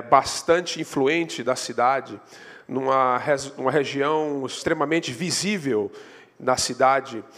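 A Brazilian man preaching a sermon as a pastor, in storytelling style, his voice rising in pitch and force on the points he stresses. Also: fairly bright tone. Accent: Brazilian Portuguese. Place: church sanctuary. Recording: long hall reverb.

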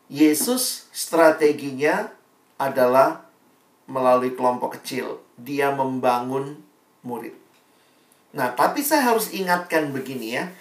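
A man in his forties preaching lively and conversationally, telling anecdotes to students. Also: mid-range voice. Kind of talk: sermon-style talk to students. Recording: roomy echo, voice from far off.

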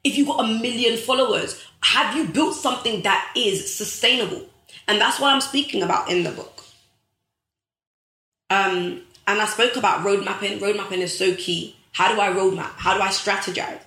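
A woman from the United Kingdom speaks to her online followers in a preachy, rallying way, hammering home the same phrases again and again. Her voice is bright and forceful. The room around her rings with plenty of echo. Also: mid-range voice, moderate pace. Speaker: livestream host and author. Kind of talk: motivational livestream talk. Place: bedroom at home.

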